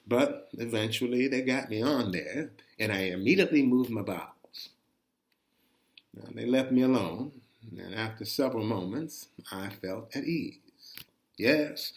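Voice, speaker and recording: A man speaking at medium pitch performs a first-person chronicle as a dramatic storyteller. He sounds conversational and expressive, and he emphasizes his phrasing deliberately.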